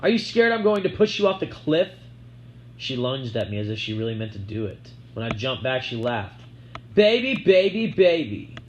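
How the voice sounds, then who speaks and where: A man's voice: lowish voice, fairly even intonation, brisk, hardly any pauses, a bit bright, dull audio, slight background noise, natural voice. A man reading an audiobook, voicing a sly, show-off young girl who taunts in a sing-song way. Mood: taunting.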